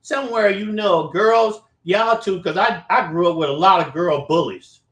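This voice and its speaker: A man's voice: sits high, normal speed, a bit bright. A man telling a story about his childhood in a casual way. He talks bluntly, swears a lot and rambles. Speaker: show host. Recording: roomy echo.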